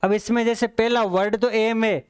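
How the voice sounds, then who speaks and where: This exam-prep English teacher has a high, smooth voice with fairly even intonation. Working through answers step by step, he goes back over key points for his students and reads example sentences in a slow, deliberate manner.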